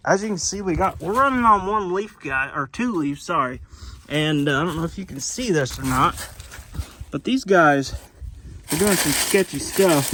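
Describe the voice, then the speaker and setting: A man's voice: fairly high pitch, a bit bright, slight background noise. A man in casual talk to camera while working on a truck frame, rambling with many fillers and self-corrections. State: out of breath. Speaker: vlogger restoring a truck.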